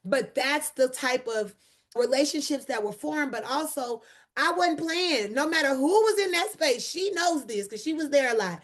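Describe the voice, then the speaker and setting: Woman comedian, interview guest; bold, lively delivery, higher-than-average voice. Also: moderate pace. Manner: bold, energetic, emotional at times. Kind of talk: animated interview storytelling.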